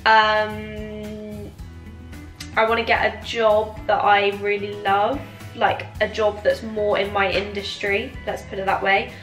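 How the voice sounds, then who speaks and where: A British woman in her twenties, giggly and tipsy, chats casually while answering viewer questions. Her medium-pitched, fairly bright voice is flat and slow, captured with roomy echo and background music.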